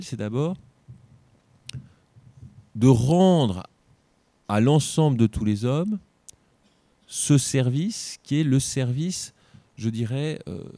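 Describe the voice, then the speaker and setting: A man's voice: mid-range voice, mellow, dry recording. A tired man teaching an informal Bible lesson, reading scripture aloud and breaking off for joking asides.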